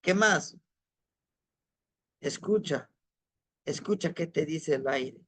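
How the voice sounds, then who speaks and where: A man's voice: on the high side, takes it slowly, no echo. Man voicing a patient old grandfather sage. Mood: calm, patient. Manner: gentle, patient commands. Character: calm wise old grandfather teacher.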